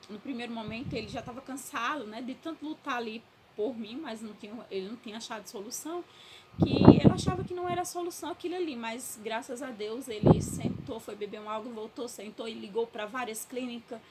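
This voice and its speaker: A woman's voice: a little high, fast talker. A woman giving an emotional, earnest personal faith testimony from her bedroom. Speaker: testimony speaker. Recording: loud background noise.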